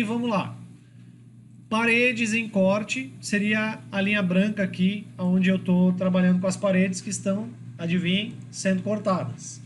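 A man's voice: sits high, a little hiss or hum. A man with a Brazilian Portuguese accent giving a university lecture, explaining step by step and checking in with the class. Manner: explanatory, checks in with frequent tag questions. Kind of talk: classroom lecture on drawing software.

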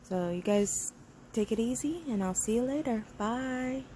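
A woman in her thirties chatting casually and quietly, as if late at night, giving an update to her phone at home. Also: a little high, a little slow. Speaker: vlogger. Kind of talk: casual chat update to camera. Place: small dim room at home, indoors. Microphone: phone at arm's length. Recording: faint background noise, home phone recording.

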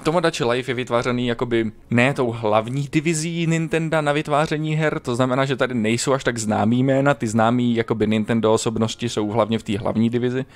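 A man streaming a video game, commenting casually and crudely, swearing often and breaking into sudden high yelps. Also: fairly even intonation, hardly any pauses. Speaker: gaming streamer. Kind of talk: casual let's-play commentary.

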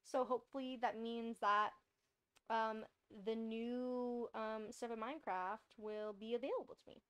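A woman's voice: a little high, steady tone, a little slow, clean tone. A young woman streaming a video game, chatting casually and rambling, with frequent laughs. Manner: bubbly, rambling, laughs often. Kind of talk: casual gameplay chat.

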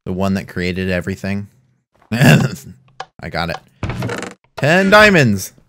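A man's voice: low voice, takes it slowly, a little hiss or hum. A young man chatting casually during a game, teasing his friend with dry remarks. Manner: dry teasing, lively reactions. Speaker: gaming channel co-host. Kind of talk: casual gameplay chat.

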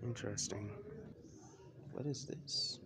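Young man, casual museum vlog, curious and musing, unhurried, clear room hum behind. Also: lowish voice. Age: young adult. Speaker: vlogger. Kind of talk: casual museum walk-through. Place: indoor art museum.

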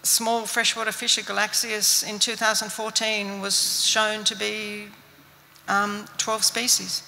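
An older Australian woman answers on stage in an earnest way, full of small restarts and fillers. Her voice is bright with a creaky edge and stays fairly flat. The handheld mic carries the long reverb of an event hall. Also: mid-range voice, unhurried. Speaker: museum scientist panellist. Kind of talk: panel discussion answer.

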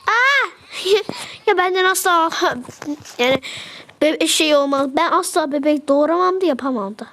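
A woman's voice: very high-pitched, expressive, moderate pace, a bit bright. A young woman chatting casually as she narrates a game, fretting and exclaiming as she goes. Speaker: game video creator.

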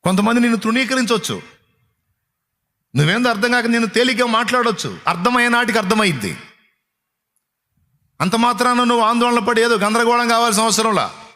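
Emphatic high-voiced preacher, man. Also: expressive, fairly quick, long pauses, sharp tone. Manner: emphatic, repetitive rhetorical questioning of the congregation. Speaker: pastor. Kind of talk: sermon.

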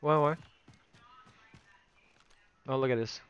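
Through a muffled recording with a noisy background, a mid-range male voice talks slowly. He's a man in his thirties from Poland, Polish his first language, casually commenting in English and French while streaming a shooter indoors at home on a headset, getting excitable over cheaters.

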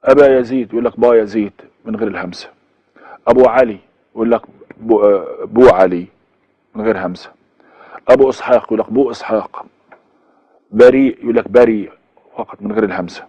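A man with an Egyptian accent lectures quickly in a fairly low voice. He lists examples one after another and then goes back over them. The recording is dull and lo-fi, with no room sound. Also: mellow, breathy edge, no echo. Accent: Egyptian Arabic. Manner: explains by listing examples, then repeats them, with fillers. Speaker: university lecturer.

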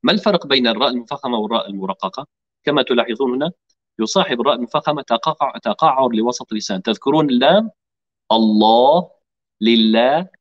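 A man teaching Quran recitation rules, explaining letter articulation and drilling each sound slowly for students to repeat. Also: mid-range voice, lively intonation, fairly bright tone, highs cut off. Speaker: tajweed teacher. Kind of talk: online recitation lesson.

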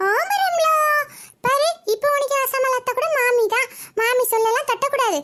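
A nosy, gossiping cartoon auntie with a Kayalpattinam Tamil accent lectures a young bride without pause, voiced by a woman. Her voice sits extremely high and squeaky. She keeps a preachy, meddling tone. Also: a bit bright, a little hiss or hum. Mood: lecturing. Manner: nagging, lecturing. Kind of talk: cartoon voice acting.

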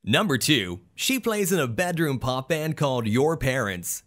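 Guy doing upbeat voice-over narration, bouncy lively delivery. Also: medium pitch, unhurried. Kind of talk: scripted narration.

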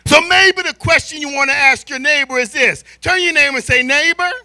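Speaking through a handheld mic in a large indoor church hall, a middle-aged church elder delivers a storytelling sermon full of call-and-response with the congregation. He's American, born in Spain into a military family, and his very high-pitched voice turns animated and theatrical, stretching out emphasis and jumping from hushed asides to shouts. No room sound is heard.

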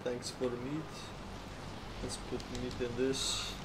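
A man playing an online survival game with friends, chatting casually, swearing and shouting when things go wrong. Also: medium pitch, little pitch movement, slow, heavy background noise. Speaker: gamer streaming with friends. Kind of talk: casual gaming chat.

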